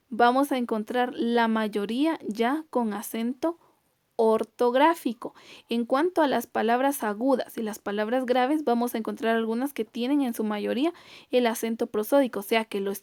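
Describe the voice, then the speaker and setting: A woman teacher giving a recorded online class, explaining carefully and stretching example words out slowly to show where the stress falls. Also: fairly high pitch, darkish tone, dry recording, clean studio sound.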